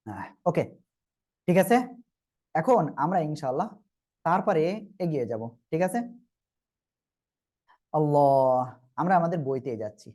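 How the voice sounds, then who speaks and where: A man with a fairly high, mellow voice talks in an animated way but a little slowly, leaving long pauses. He teaches Arabic letters in a Quran reading lesson with a Bangladeshi Bengali accent, patient and repetitive as he checks learners understand.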